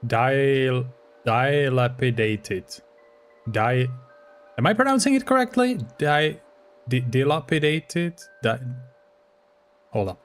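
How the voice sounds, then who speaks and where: A man's voice: medium pitch, expressive, slow pace, long pauses, faint music behind. Chatty Czech-accented man streaming a game. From Czech Republic. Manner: chatty and playful, often laughing. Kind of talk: live-streamed gameplay commentary.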